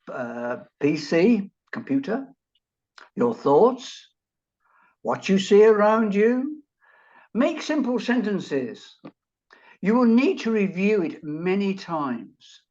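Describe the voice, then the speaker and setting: A man's voice: fairly high pitch, darkish tone. Man, southern English accent, rambling, hesitant, lots of fillers, dull lo-fi call audio. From south of England. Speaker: guest conversation partner. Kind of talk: casual conversation.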